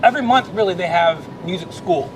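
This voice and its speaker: A middle-aged man talking earnestly and with feeling in a casual chat, with many restarts. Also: brisk. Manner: earnest, emotional, rambling with restarts. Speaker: Salvation Army officer. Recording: noisy background rumble.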